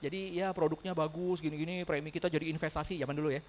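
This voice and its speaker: Fast-talking high-voiced man telling stories. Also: a little hiss or hum. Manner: animated, laughs often, acts out dialogue. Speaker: motivational speaker. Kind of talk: storytelling talk to a sales team. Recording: tinny phone-like sound.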